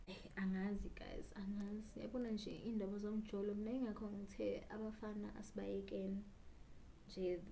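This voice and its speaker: A South African woman in her twenties talks casually to camera, a little tipsy and rambling. Her voice is dark and relaxed at a medium pitch, slipping between English and Zulu. Faint noise sits behind her in a small room. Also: gravelly, low-quality recording. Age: 20s. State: slightly tipsy. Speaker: beauty YouTuber. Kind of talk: casual chat while doing makeup. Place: small bedroom indoors.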